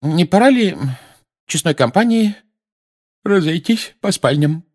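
A man's voice: on the high side, wildly swooping pitch, brisk, voice pushed up. A man reading an audiobook aloud and voicing a stern, protective middle-aged witch who scolds insistently. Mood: sleepy. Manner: scolding, insistent, rising to shouts.

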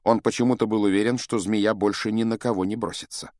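A man reading a children's fantasy story aloud in an animated, expressive way and voicing each of its characters. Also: fairly low pitch, quick pace, no room sound, clean studio sound. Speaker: audiobook narrator.

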